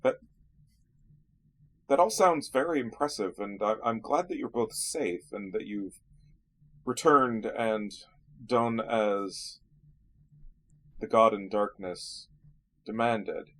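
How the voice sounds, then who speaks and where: A man's voice: fairly low pitch, slow, long pauses, a bit bright. A man playing his character in a tabletop game, speaking in a polite, formal and apologetic way. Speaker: player.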